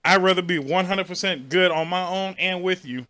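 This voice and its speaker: A man's voice: sits high, normal speed, pushed and bright, smooth. A man co-hosting a podcast, ranting with strong opinions and plenty of swearing. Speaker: podcast co-host. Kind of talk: casual chat.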